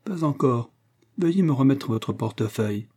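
A man voicing a stout, gruff police commissioner who talks curtly, with a husky, dark voice. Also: medium pitch, expressive, moderate pace, natural voice. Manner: curt, gruff.

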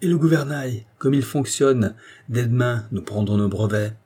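A man reading an audiobook, voicing a nervous, excitable engineer who shouts in a strained voice. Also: on the low side, moderate pace, breathy edge. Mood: elated. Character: excitable male engineer-inventor, nervous and furious. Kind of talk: audiobook character voice.

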